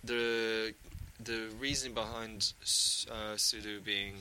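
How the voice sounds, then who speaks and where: A man's voice: on the low side, level tone, slow, bright, forceful tone, a little hiss or hum, poor audio. A man hosting a film podcast, chatting casually with a blunt, dismissive, joking manner. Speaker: podcast host.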